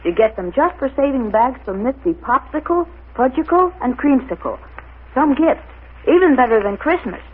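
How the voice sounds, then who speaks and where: Gushing, animated boy radio pitchman. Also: normal speed, breathy edge. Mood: eager. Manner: gushing, gee-whiz enthusiasm. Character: eager, wholesome boy pitchman. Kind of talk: 1930s radio advertisement. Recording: tinny, muffled old radio recording.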